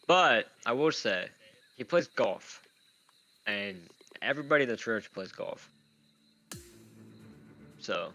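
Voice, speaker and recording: A man's voice: medium pitch, expressive, takes it slowly, long pauses, bright, forceful tone, dull audio, soft background music. A young man who says w for r, giving casual, rambling, self-deprecating live commentary while he plays games. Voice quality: says w for r, speech impediment. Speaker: gamer commentating on own play.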